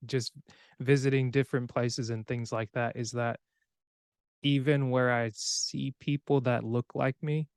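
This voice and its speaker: A young man from Cameroon, raised in the United States, hosting a podcast in a relaxed, rambling way. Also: medium pitch, clean tone, dry recording, studio quality. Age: young adult. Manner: relaxed, rambling, with filler words and laughs. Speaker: podcast host. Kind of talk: casual conversation.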